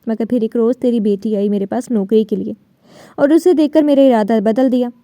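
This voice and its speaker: A woman's voice: on the high side, dark tone, no echo, studio quality, natural voice. A woman reading the part of a vengeful young man in an audiobook novel, with a menacing, sneering delivery.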